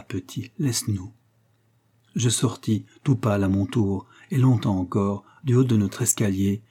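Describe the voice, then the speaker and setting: A man reading a literary short story aloud in a measured, even storytelling manner. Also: lowish voice, breathy edge. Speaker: audiobook narrator. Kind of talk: literary audiobook narration.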